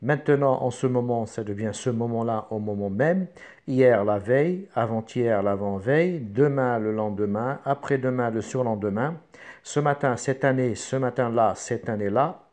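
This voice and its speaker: A man's voice: mid-range voice, darkish tone. Man dictating a lesson in short phrases. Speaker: French grammar teacher. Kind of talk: instructional lesson, reading out examples.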